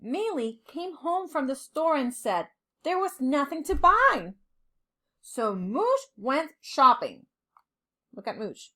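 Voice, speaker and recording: Reading aloud to little kids, this woman teacher uses a high, highly animated voice. She takes her time, building drama with well-placed pauses as she brings the storybook to life.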